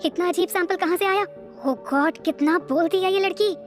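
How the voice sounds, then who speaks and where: A woman's voice: extremely high pitch, normal speed, soft background music, voice pushed up. A woman voicing an irritated young male boss, incredulous and exasperated.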